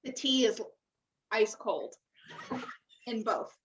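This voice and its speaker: An American woman co-hosts a podcast in casual chat, speaking slowly with a fairly high pitch. Her manner is dry, teasing, and sarcastic, and the microphone sounds slightly distant.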